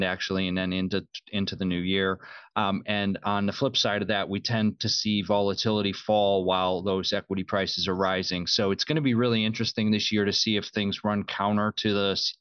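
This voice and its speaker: Low, smooth-voiced man giving halting commentary. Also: a bit bright, dry recording. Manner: halting, repeats words while thinking. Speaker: market strategist, podcast panelist. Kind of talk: conversational market commentary. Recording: slightly dull, dry audio.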